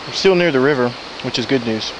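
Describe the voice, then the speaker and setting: A man with a mid-pitched voice talks casually to his audience as he hikes. His narration is unscripted and plain, like a trail diary. Clear outdoor noise from a stream runs behind him. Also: fast. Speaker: hiking vlogger. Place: outdoors on a rocky riverside woodland trail. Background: stream and natural ambience.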